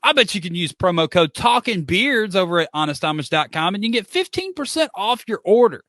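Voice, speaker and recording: A man's voice: high-pitched, very animated, fairly quick, a bit bright, no room sound, studio quality. A man hosting a podcast in casual, joking chat, exclamatory and teasing. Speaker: podcast host.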